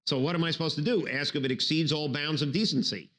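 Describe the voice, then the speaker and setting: A Brooklyn-born law professor from New York City gives a recorded bar review lecture packed with jokes and silly put-on voices. He's animated and jokey, talking fast in a voice on the high side.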